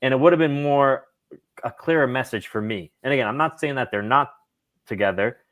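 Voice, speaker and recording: A man's voice: mid-range voice, brisk, fairly bright tone, no echo. A man co-hosting a casual football podcast, thinking aloud and often restarting his words. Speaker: podcast co-host.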